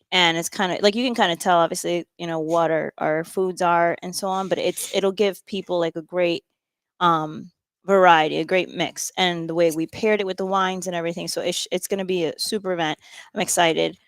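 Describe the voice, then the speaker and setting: A woman's voice: fairly low pitch, no echo. A woman born in Peru who runs a restaurant, talking in a casual interview, chatty and upbeat with many fillers. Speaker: restaurant owner and chef.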